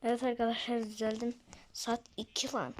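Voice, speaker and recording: A woman giving casual, excitable commentary while playing a game, chatting to her viewers. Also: a little high, brisk, slight background noise, rough recording. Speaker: let's play gamer.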